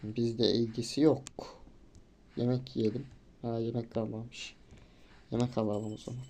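Male let's-play commentator with a warm, mid-pitched voice; casual, reads dialogue plainly, gets loud when things get hard. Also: measured pace, slight background noise. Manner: gets loud and excited during tricky moments, casual swearing. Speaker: gamer. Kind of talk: let's play commentary, reading game text aloud.

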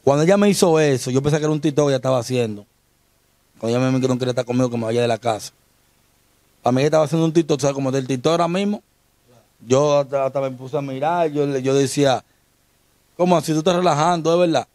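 A man's voice: medium pitch, very fast, a little mellow, dry recording. A young Dominican man, an interview guest, telling an emotional personal story in slangy street talk. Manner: slangy, repeats street address terms.

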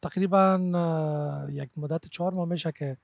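A man's voice: a little high, fairly even intonation, vocal fry, darkish tone, no echo. A man with an Afghan Dari accent, a singer and TV guest, talking in a hesitant way with many fillers. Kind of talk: casual TV chat. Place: TV studio.

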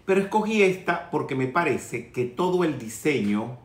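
A man's voice: fairly high pitch, lively intonation, normal speed, roomy sound. A man teaching a spiritual lecture in a trained, projected voice, scolding and teasing his listeners with humorous asides. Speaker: metaphysics teacher.

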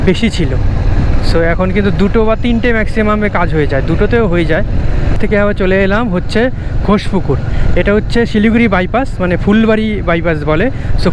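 A man from West Bengal narrates his motorbike ride as he goes, pointing out roads and distances in a chatty way. His voice sits high for a man. Traffic and road noise come through clearly behind him. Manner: chatty, explains the route as he rides. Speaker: moto vlogger. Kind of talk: riding commentary. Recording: road noise on a bike mic.

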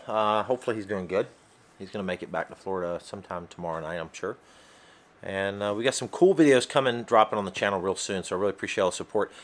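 A man's voice: fairly low pitch, fairly bright tone. A man in his forties, a pro angler vlogging casually, greeting fans in a busy hall and later talking in a hotel room, upbeat and fond of saying dude. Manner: friendly, upbeat, says dude and man a lot. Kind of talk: casual vlog chat. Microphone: handheld camera at arm's length. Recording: noisy hall ambience. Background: hall ambience.

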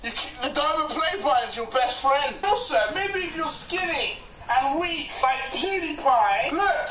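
A young man vlogging casually, talking excitedly, laughing often, swearing and repeating himself. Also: very high-pitched, unhurried, slight background noise. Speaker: YouTube vlogger. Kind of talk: casual reaction and product-test vlog. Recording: echoey lo-fi room recording from a distance with music.

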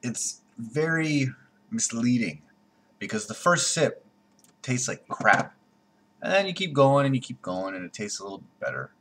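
At a desk webcam in a small room at home, a man reviews a beer bluntly and sarcastically, his loudness jumping around. His voice is medium-pitched and unhurried with big pitch swings, and there's slight background noise.

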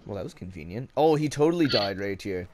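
A young man hosting casual gameplay commentary, excitable and swearing, with shouts and laughs between lines. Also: on the low side, fast, background noise. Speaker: gaming channel host. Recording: game sounds loud behind voice.

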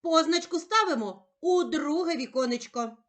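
A woman teacher speaking slowly and carefully in a sing-song voice, giving a reading lesson for young children. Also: high-pitched, lively intonation, fairly bright tone. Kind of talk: slow, clearly articulated children's reading lesson.

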